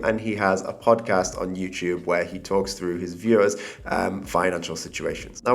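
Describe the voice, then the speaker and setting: A young man with a cold, talking to camera in a relaxed, conversational way about his own experiences. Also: fairly low pitch. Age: young adult. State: has a cold. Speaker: finance YouTuber. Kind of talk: casual talking-head vlog.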